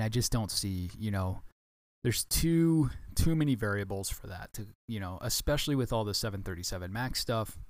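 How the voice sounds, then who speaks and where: Male podcast host, lowish voice, dry close recording, rambling casual delivery full of restarts. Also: dry recording. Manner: rambling, many restarts and self-corrections. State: tired, yawning. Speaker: podcast host, former baggage handler.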